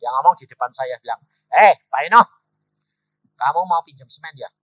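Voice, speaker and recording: A man's voice: normal speed, no room sound. A middle-aged man preaching a storytelling sermon, acting out quoted dialogue and often addressing the congregation directly. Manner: animated, acts out quoted dialogue with sudden loud high bursts; addresses the congregation repeatedly as "saudara". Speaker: evangelist preacher. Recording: dull, dry sound.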